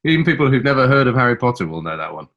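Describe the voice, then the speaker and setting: A man's voice: medium pitch, big pitch swings, rapid-fire, dull audio, a little hiss or hum. A middle-aged man co-hosting a quiz, reading answer options with teasing relish. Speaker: quiz co-host.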